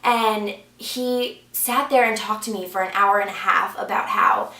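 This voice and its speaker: Heard from a distance in a roomy space, a young churchgoer tells her own faith story earnestly and casually, with lots of "um" and "like." Her medium-pitched voice is steady, unhurried, and pushed, with a bright quality.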